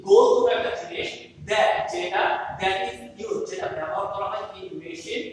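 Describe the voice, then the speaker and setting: A man's voice: high voice, very animated, normal speed. A man teaching an English lesson, mixing English and Bengali and repeating each point. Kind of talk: online class lesson. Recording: echoey hall, distant mic, faint noise.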